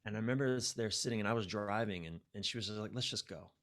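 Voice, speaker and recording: A lowish, fast, somewhat bright male voice belongs to a U.S. relationship coach on a podcast. In this conversational interview he shares personal anecdotes honestly, laughs at himself, and performs his internal dialogue.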